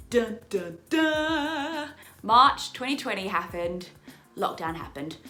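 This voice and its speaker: Talking to camera from her apartment, a young Australian vlogger and musical theatre performer sounds bubbly, laughing a lot and repeating words for emphasis. Her accent is picking up some English tones, and her medium-pitched voice is pushed and bright.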